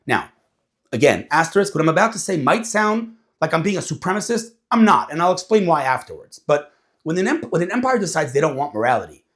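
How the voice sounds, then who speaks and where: A man talking casually to an audience, animated and acting out quoted voices as he explains. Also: fairly high pitch, a little fast. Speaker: speaker.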